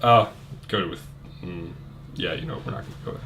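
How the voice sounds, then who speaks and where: A man's voice: deep voice, fairly quick, a bit bright, slight background noise. A man co-hosting a casual podcast chat, rambling, laughing often, and trailing off mid-thought. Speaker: podcast co-host.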